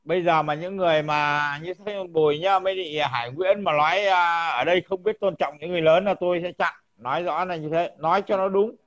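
A man's voice: a little high, a little fast, hardly any pauses, fairly bright tone. A man, chatting earnestly and agreeing often. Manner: agreeing, short assents, earnest. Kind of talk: casual chat. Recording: dull lo-fi sound.

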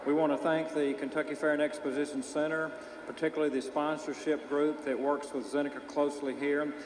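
A middle-aged man giving measured, businesslike remarks as a sponsor's representative being interviewed. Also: fairly high pitch, flat delivery. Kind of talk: public thank-you remarks in an interview. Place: large indoor arena. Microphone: handheld microphone held out to him. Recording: echoey arena PA, faint noise.

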